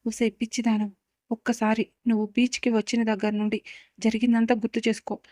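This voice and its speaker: Storybook role: woman voicing a bossy young wife, scolding, mellow-toned, close dry sound. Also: fairly high pitch, level tone, fairly quick, dry recording, lightly acted. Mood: irritated. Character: young woman secretly married, sharp-tongued older sister.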